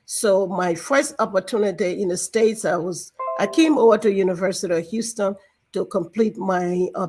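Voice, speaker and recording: A woman in her sixties from Liberia, a banking director guest in an interview, talking in a measured, explanatory way with frequent fillers. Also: medium pitch, breathy edge. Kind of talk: interview talk.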